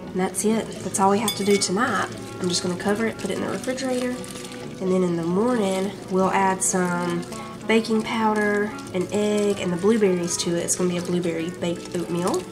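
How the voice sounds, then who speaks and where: A woman with a Southern US accent hosts a home cooking vlog from her kitchen, chatting with viewers and calling them "y'all" as she cooks and narrates casually. Her mid-range voice is steady and brisk, heard from far off the mic with music in the background.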